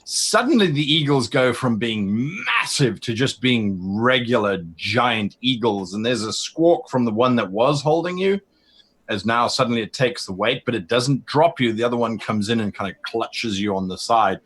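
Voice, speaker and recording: A man's voice: mid-range voice, lively intonation, moderate pace, fairly bright tone, slightly rough. Man narrating as a game master. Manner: vivid descriptive narration with fillers.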